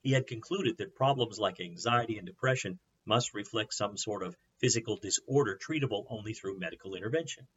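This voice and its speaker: A man preaching as a pastor, teaching in an earnest, measured way with rhetorical questions. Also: lowish voice, fairly bright tone, muffled recording, slight background noise. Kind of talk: sermon.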